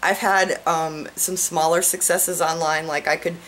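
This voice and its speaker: Woman, lower voice, talks fast and excited, kinda breathless, keeps saying right, little hiss behind. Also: poor audio. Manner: excited, rambling, repeats "right?". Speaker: online marketing vlogger. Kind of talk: casual talk to camera. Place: at home, with a whiteboard behind her.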